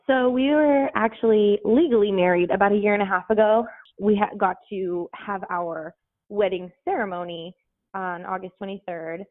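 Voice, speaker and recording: Friendly young woman guest, mid-pitched voice, heard over a thin phone-like line. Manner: friendly, quick to laugh. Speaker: podcast guest. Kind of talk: casual interview chat.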